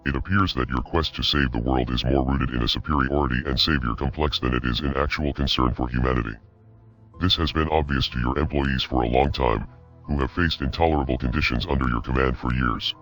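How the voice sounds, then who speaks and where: A man reading a scripted, accusing statement in an electronically deepened, disguised voice. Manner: steady, accusing, ominous. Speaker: anonymous activist spokesman. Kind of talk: scripted statement read aloud.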